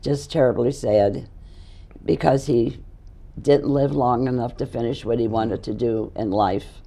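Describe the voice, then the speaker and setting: A woman in her nineties speaks as an interview guest, her voice hoarse and worn. There is a gravelly crackle under her mellow, darkish tone. She recalls things haltingly, often repeating words as she searches for them. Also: a bass voice, steady tone. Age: 90s. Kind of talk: casual reminiscing interview.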